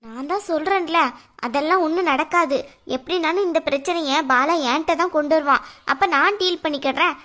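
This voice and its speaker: Bossy, conspiring high-voiced woman. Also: fairly quick, sharp tone. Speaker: scheming aunt in a family drama. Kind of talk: Tamil family drama acting. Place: indoors at home.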